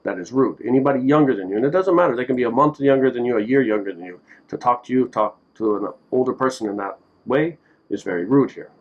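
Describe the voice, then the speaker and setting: A man's voice: mid-range voice, fast, muffled recording. Joking man teaching simple phrases. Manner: relaxed, joking, repeats words to drill them. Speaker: language teacher. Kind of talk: casual language lesson. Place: Japan.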